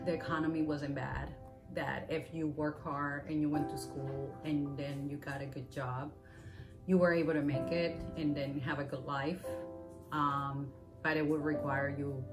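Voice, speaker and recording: A Venezuelan woman whose first language is Spanish is interviewed about her migration story, telling it earnestly in long run-on sentences. Her low voice is steady and a little slow, with music playing beneath it.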